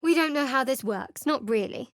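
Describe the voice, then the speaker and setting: Her pitch sits high, with lively intonation and a moderate pace, captured on a close studio mic with no echo. It's an actress performing video game lines as a sardonic young cleric, sounding guarded, dry and wry.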